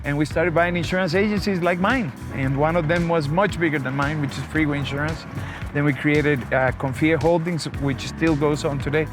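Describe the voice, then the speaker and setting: A man's voice: a little high, fairly even intonation, moderate pace. A man from Costa Rica, a guest telling his story in a friendly, talkative way. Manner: friendly, talkative, many restarts. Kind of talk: conversational interview. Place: outdoors in a vehicle. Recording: music playing behind.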